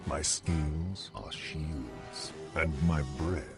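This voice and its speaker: A man's voice: rumbling low, extremely slow, gravelly, exaggerated voice. A man voicing a huge, sly, wrathful dragon in a video game, with a theatrical, taunting delivery. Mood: sly, boastful. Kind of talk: video game villain acting. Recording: loud music over the voice.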